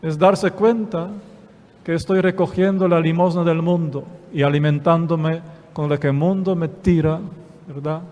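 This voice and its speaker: A man preaching a Sunday Mass homily as a priest, slow and repetitive, asking rhetorical questions. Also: fairly high pitch, steady tone, a little mellow, muffled recording. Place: church. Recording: long church reverb.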